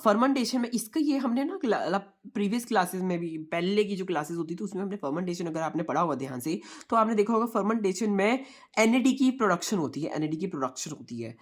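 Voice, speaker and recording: A young online tutor with a high-pitched, hoarse voice from a sore throat delivers an exam revision lecture. He explains things repetitively and addresses his viewers as friends.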